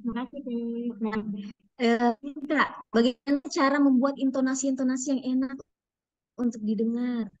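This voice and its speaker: A woman's voice: high-pitched, fairly even intonation, normal speed, darkish tone, no room sound. Woman moderator on dull call audio. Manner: reads out questions, brief polite prompts. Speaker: webinar moderator. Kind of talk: moderating questions in an online webinar.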